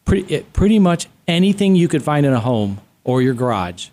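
A man's voice: a little high, big pitch swings, brisk, mellow. A man answering interview questions matter-of-factly as a guest in a radio studio.

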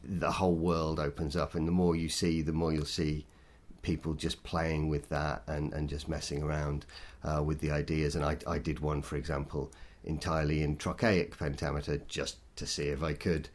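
A man, a poet, talking thoughtfully and self-deprecatingly in an interview, in a halting way. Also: rumbling low, flat delivery. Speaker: poet guest. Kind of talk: interview conversation.

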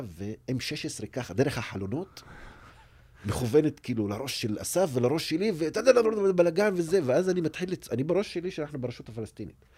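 A man's voice: medium pitch, husky. A man from Umm al-Fahm, a native Arabic speaker, tells a story as a film director guest in an interview and acts out the voices in it. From Umm al-Fahm, Israel. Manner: animated storyteller who acts out quoted speech.

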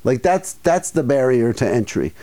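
A man's voice: medium pitch, big pitch swings, moderate pace, dark tone. A man co-hosting a casual podcast chat, telling rambling stories full of acted asides. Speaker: podcast co-host.

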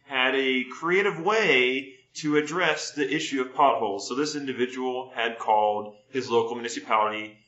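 A man's voice: mid-range voice, moderate pace, hardly any pauses, sharp tone, highs cut off. A man co-hosting a casual podcast, telling a story in a laid-back way, recorded on a laptop mic with a lot of room echo. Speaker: podcast co-host. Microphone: built-in laptop mic.

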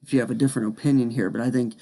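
A man's voice: medium pitch, fairly even intonation, very fast, warm tone. A man hosting a casual podcast chat, chatty and self-deprecating, often laughing at himself. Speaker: podcast host.

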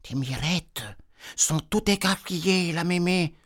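A man's voice: high voice, slow, a bit bright, voice pushed up. A man voicing a naive little peasant girl, asking wondering questions.

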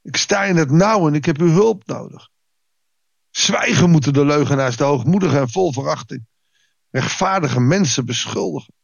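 A man reading a psalm aloud and talking about it for his listeners, reading the verses slowly and commenting in a conversational way. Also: a little high, expressive, vocal fry, no echo. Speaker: Bible devotional speaker.

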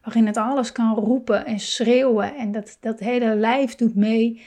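A woman speaking gently as a parenting coach, with many fillers, restarts and soft laughs. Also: on the high side, fairly even intonation, unhurried. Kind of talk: calm spoken advice.

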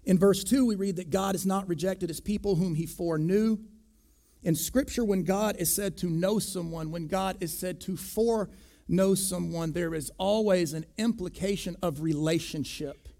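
A pastor preaching a sermon, deliberate and emphatic, pressing hard on key words. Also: male voice, high voice, gravelly, mellow.

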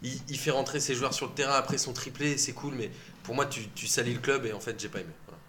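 A man's voice: mid-range voice, fast talker, a bit bright, slight background noise. A man on a casual football panel, giving blunt, plain-spoken opinions.

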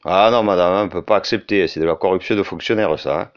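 Deep-voiced southern French gendarme, folksy and singsong, put on by a man. Slightly dull recording. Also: quick pace, close to an everyday voice. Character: chatty male gendarme at a lockdown checkpoint.

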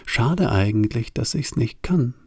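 A man reading aloud and voicing an unbothered personified Composure, calm and softly spoken. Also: medium pitch, a little slow, breathy edge, no echo, clean studio sound. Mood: placid. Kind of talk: audiobook reading.

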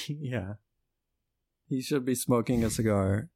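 A man co-hosting an improv comedy podcast, pitching ideas in loose, hedging chat. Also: slow pace, mellow, dry recording. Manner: loose, hedging, laughing brainstorm talk. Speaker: podcast co-host.

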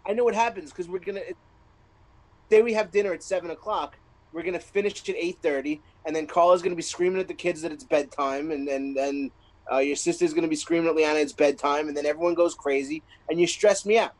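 A man's voice: on the high side, quick pace, a little mellow, low-quality recording. A man co-hosting a casual comedy podcast, telling rambling family stories and laughing often. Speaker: co-host. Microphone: remote call.

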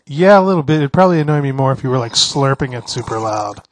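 A man's voice: medium pitch, animated, fast talker. A man co-hosting a casual podcast, grumbling and dry-humored, swearing now and then. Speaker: podcast co-host. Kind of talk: casual chat.

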